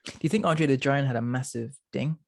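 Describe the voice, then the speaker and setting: A man's voice: medium pitch, brisk, gravelly. A young man in his twenties co-hosting a podcast, chatting casually with lots of filler words. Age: 20s. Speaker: podcast co-host. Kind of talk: casual chat.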